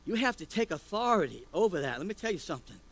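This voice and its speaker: A man delivering a sermon with a high-pitched voice. He preaches forcefully and keeps throwing rhetorical questions at the congregation. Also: very animated, fast talker, poor audio. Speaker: pastor.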